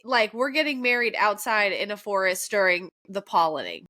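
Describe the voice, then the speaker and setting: A young woman co-hosting a casual podcast chat, her voice nasal and congested from allergies, chatty and quick to laugh. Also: medium pitch. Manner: lively, chatty, laughs often. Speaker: podcast co-host.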